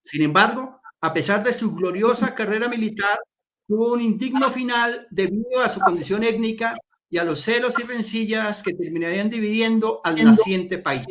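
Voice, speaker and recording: A man moderating a literary panel, reading a book blurb aloud in a measured, formal way before turning to his guest. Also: high-pitched, a bit bright, a little hiss or hum. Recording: dull lo-fi audio.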